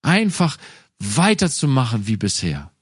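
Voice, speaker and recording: Male preacher, slow deliberate sermon with lively melody, voices inner dialogue. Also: medium pitch, breathy edge, no room sound, clean studio sound. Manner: animated, acts out inner voices in quotes.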